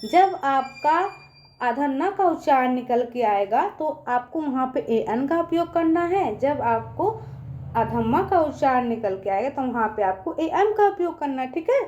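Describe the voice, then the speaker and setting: High-voiced patient woman teacher. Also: animated, measured pace, darkish tone, lo-fi sound. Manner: patient, repeats words often. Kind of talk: children's lesson.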